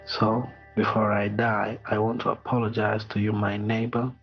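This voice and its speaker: A middle-aged Rwandan man reading a personal apology in a slow, solemn, measured way, heard over muffled video call audio. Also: on the low side, level tone, soft background music. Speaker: interview guest.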